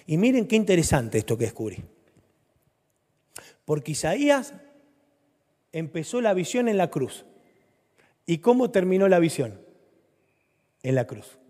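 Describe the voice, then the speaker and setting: A male preacher with a Rioplatense Spanish accent and a high, lively voice that climbs and drops through his sermon. He swings from loud, urgent lines to soft, low ones. His voice rings out with a long reverb, as in a church hall. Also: measured pace, pauses often.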